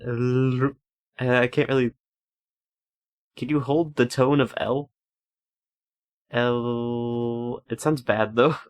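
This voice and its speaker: A man's voice: medium pitch, steady tone, extremely slow, pauses often, clear, resonant tone. A man doing casual, rambling, goofy commentary as he plays a video game. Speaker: gaming video host.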